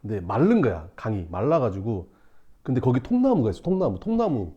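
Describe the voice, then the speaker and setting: A male teacher telling a class a story, acting out shouts and screams and laughing as he goes. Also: mid-range voice, sing-song, a little fast, dull audio. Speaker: math teacher.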